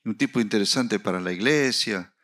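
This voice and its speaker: A middle-aged man preaching a sermon, telling a personal story with acted dialogue and rising to loud, emphatic peaks. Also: lowish voice, normal speed. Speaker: pastor.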